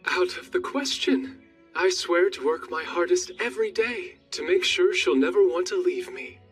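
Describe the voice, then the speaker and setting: A man's voice: high voice, lively intonation, moderate pace. A man playing a polished, wry young prince in a dramatic English anime dub. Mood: possessive. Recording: distant sound under loud music.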